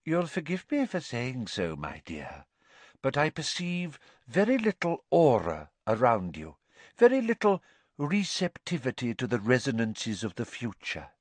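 A man voicing a misty, dramatic female divination professor who foretells doom in a faint, drawn-out, theatrical way. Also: mid-range voice, huge pitch swings, no echo, pitched above the performer's own voice. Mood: cool disdain.

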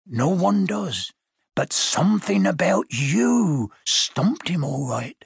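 A huge bearded giant with a gruff, emotional way of talking, played by a male storyteller. His voice is husky and sits a touch high, and the recording is dry and close. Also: sing-song, slow pace, dry recording, full character voice. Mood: earnest. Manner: rough country speech, emotional.

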